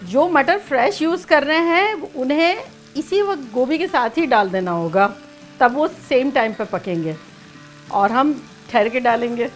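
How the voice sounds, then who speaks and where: A woman's voice: high-pitched, lively intonation, unhurried, faint music behind. A woman hosting a home cooking demonstration, chatty and playful as she talks through each step. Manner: chatty, playful, sings snatches of songs. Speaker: cooking show host.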